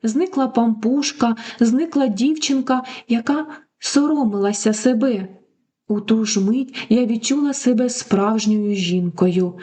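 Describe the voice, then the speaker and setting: A woman narrating a first-person life story in a slow, sorrowful, intimate way. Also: on the high side, dark tone.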